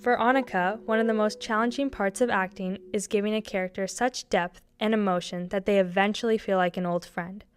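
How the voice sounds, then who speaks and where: A woman narrating a short documentary and interviewing its subject, reading her script in an even, read-aloud way. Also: medium pitch, fairly quick, few pauses.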